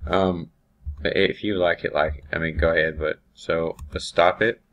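A man teaching automation software over a screen recording, thinking aloud with ums and restarts. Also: low-pitched, fairly even intonation, moderate pace, highs cut off. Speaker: automation instructor.

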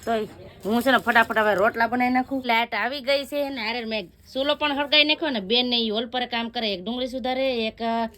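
A woman's voice: fairly high pitch, fairly even intonation, fairly quick, sharp tone. A woman narrating a casual family cooking vlog by a wood-fire stove at her village home, chatty and teasing. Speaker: family vlogger.

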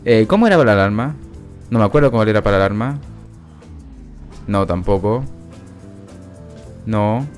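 Male gameplay commentator; lively, rambling, self-mocking, faint music underneath. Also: lowish voice, normal speed, long pauses. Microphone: new studio microphone.

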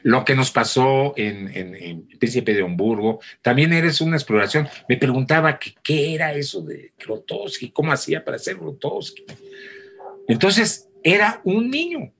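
Husky man telling a story. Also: mid-range voice, normal speed. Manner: animated storyteller acting out quoted voices. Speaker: theatre actor, interview guest. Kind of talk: conversational anecdote telling.

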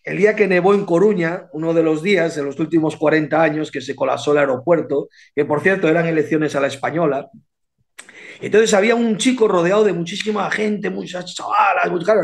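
High-voiced man telling anecdotes. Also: fairly quick. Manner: animated storyteller, repeats words, acts out quotes. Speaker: boxing coach.

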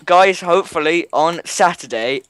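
A young man co-hosting a gaming video, chatting casually and barking quick orders. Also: fairly high pitch, smooth, dry recording. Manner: excitable, quick bursts of orders. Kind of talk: casual gameplay chat.

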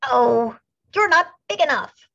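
A woman voicing a small grouchy ladybug that picks fights, with loud, brash taunts, on a slightly muffled recording. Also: fairly high pitch, very animated, measured pace, husky, pitched above the performer's own voice, full character voice.

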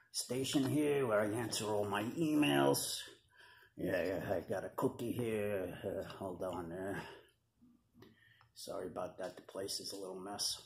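A man's voice: fairly low pitch, measured pace, reverberant. A man performing a wisecracking male prairie dog puppet who talks in a chatty, streetwise New York tough-guy way, recorded on a webcam in a room at home. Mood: rambling. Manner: gravelly, chatty tough-guy patter with slang. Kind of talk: puppet comedy sketch.

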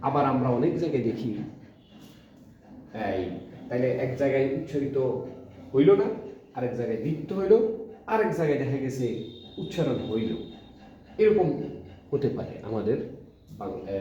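A man with a Bangladeshi Bengali accent, a college lecturer teaching pronunciation, speaking deliberately in short halting phrases and repeating example words slowly. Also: mid-range voice, dark tone, slight background noise. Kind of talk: spoken classroom lesson. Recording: echoey room, distant mic, dull sound.

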